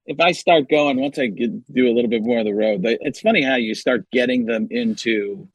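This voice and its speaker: Husky comedian guy, loose self-deprecating chat, keeps restarting. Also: medium pitch, lively intonation, a little fast, no room sound. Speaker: comedian and impressionist guest. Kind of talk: casual interview chat.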